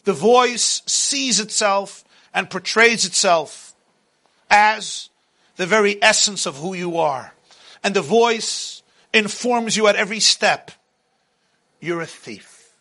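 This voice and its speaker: A man giving a motivational sermon as a religious speaker, with dramatic, emphatic phrasing and deliberate repetition. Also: high voice, creaky, bright, forceful tone.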